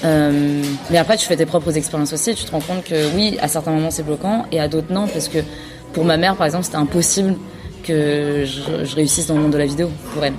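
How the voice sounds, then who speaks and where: Woman, low voice, thoughtful casual talk, music underneath. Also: fairly even intonation, fast. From France. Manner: thoughtful, many fillers and restarts. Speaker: guest. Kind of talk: casual conversation.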